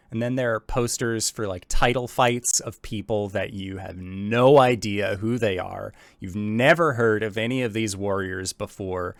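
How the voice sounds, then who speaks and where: A man's voice: lowish voice, creaky, a bit bright, no echo. A man improvising descriptive narration as game master of a tabletop role-playing game.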